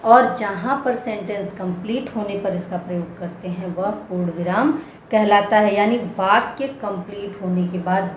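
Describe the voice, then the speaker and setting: Slow, patient woman teaching a lesson. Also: medium pitch. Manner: slow, patient, repeats example words one at a time. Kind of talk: grammar lesson for children. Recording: echoey room with faint background noise.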